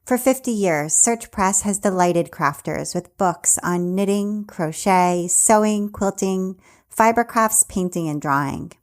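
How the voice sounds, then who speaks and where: A woman hosting a craft business podcast, reading sponsor copy and a guest introduction in a smooth, upbeat way. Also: medium pitch, unhurried. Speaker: podcast host. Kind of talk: scripted intro and interview.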